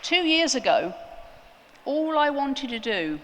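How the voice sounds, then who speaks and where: A woman giving a prepared conference talk, earnest and emphatic, with deliberate pauses. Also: high-pitched, sing-song, some chatter behind, a little hiss or hum. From outside the United States. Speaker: conference speaker. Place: large conference hall. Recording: long hall reverb.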